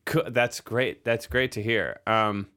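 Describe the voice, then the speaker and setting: A drummer co-hosting a podcast chats loosely and slowly about recording their song, rambling relaxed with plenty of fillers. His voice is lowish with a clean tone.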